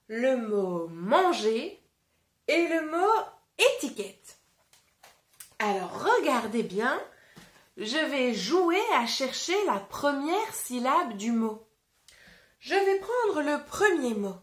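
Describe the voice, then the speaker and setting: A woman teacher reads a children's book and breaks words into syllables, speaking very slowly and clearly. Her voice is fairly high and swings lively up and down. The room adds a noticeable echo. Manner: slow, clearly articulated, animated teacher voice. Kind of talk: interactive storybook reading and phonics lesson. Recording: roomy echo.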